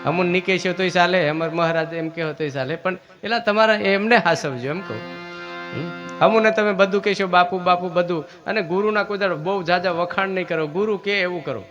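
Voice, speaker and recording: A man's voice: high-pitched, a little fast, a bit bright, lo-fi sound, soft background music. A man giving a village sermon, asking his listeners questions and teaching. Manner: preachy, asks listeners questions. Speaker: religious teacher. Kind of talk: village sermon with devotional singing.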